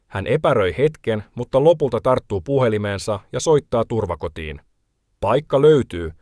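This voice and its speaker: A man narrating a news feature as a reporter, reading a script in a calm, measured way. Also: mid-range voice, no echo, clean studio sound.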